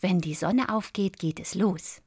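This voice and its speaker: A woman voicing a content, unhurried little snail in a bedtime story, speaking gently and slowly. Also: fairly low pitch, slightly rough. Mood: calm. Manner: gentle, easygoing.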